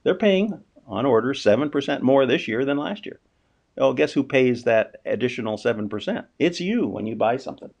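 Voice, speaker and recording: A man's voice: medium pitch, expressive, normal speed, a little mellow. A man giving a casual, unscripted economic commentary, asking rhetorical questions and often restarting his sentences. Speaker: finance commentator.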